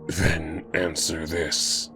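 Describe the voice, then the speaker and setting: A man voicing an ancient, towering, mummified being in a robe, speaking in a slow, hoarse, whispery voice. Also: very deep voice, flat delivery, bright, forceful tone, soft background music, heavily acted. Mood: cold, judging.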